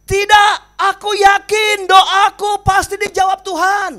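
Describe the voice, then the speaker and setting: Stubborn devout old villager, shouting and drawn-out, as a preacher voices him in a sermon story. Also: male voice, extremely high pitch, pitched above the performer's own voice. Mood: defiant. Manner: shouting insistently, slow and emphatic.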